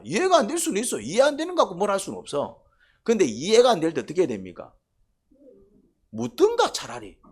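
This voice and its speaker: A male pastor preaching a sermon, with lively delivery, many rhetorical questions and quotes he acts out. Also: a little high.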